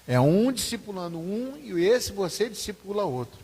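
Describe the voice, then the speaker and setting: A man's voice: high voice, sing-song, moderate pace, darkish tone. A man, a pastor teaching a Sunday school class in an informal, repetitive way, often asking the class questions. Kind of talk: conversational church teaching. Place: church hall. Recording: husky voice in a reverberant church hall.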